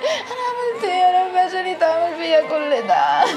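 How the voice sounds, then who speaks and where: A woman's voice: very high-pitched, lively intonation, racing, echoey room. An actress playing a frightened young woman falsely accused, crying and pleading in Egyptian Arabic. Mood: sobbing. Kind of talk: TV drama acting. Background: music score.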